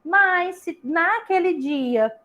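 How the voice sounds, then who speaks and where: A woman's voice: very high-pitched, lively intonation, very slow, bright, forceful tone. A woman, a tutor talking parents through teaching activities in a chatty way, giving examples and checking in with tag questions. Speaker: literacy tutor leading a parent meeting. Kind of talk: online group session, casual explanation.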